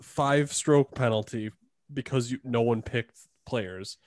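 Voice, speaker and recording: Tipsy male co-host, mid pitch, slightly slurred ribbing, dry close sound. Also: slow pace, darkish tone, dry recording. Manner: teasing and wisecracking, slightly slurred. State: tipsy from whiskey. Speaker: podcast co-host. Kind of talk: casual chat among friends.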